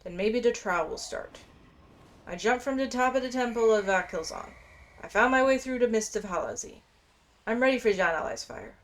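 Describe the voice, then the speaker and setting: With faint game ambience and background noise behind her, a woman with a slightly high voice streams gameplay at a moderate pace. She muses aloud informally and reads bits of the quest text.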